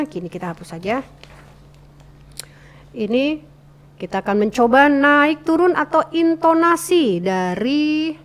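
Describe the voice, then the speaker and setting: A woman teaching how to read news and narration aloud. She reads passages herself and repeats key words to show stress and intonation. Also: mid-range voice. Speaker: radio broadcasting instructor. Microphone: close desk microphone she adjusts.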